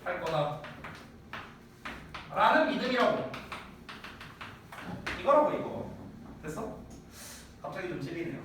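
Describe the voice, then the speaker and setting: A man's voice: high voice, measured pace, long pauses. A man in his thirties, an English teacher giving a chatty classroom lecture, often checking whether students follow. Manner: chatty, animated, asks students rhetorical checks. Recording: echoey room from far off, faint noise.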